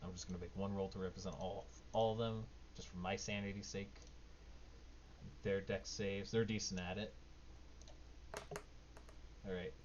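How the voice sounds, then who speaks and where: Lower-pitched man running a tabletop game. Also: flat delivery, moderate pace, pauses often, a little mellow. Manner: informal, swears casually. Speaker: game master. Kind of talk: casual tabletop game narration. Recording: dull lo-fi mic, background noise.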